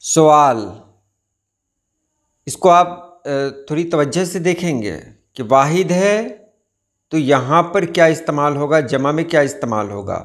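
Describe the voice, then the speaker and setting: A man teaching correct Urdu pronunciation, repeating each word slowly and carefully. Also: a little high, animated. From India. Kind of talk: pronunciation lesson.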